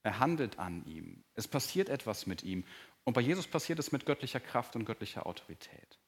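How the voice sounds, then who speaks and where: German pastor preaching with quiet emphasis. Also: male voice, medium pitch, big pitch swings. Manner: earnest, varies pace and volume, drops to soft, slow emphasis. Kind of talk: sermon. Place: church hall with a projector.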